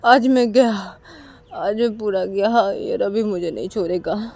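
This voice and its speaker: A woman's voice: medium pitch, a little slow, creaky, warm tone. A woman voicing a scared young man in a home-made storybook tale, whiny and panicky. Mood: panicked.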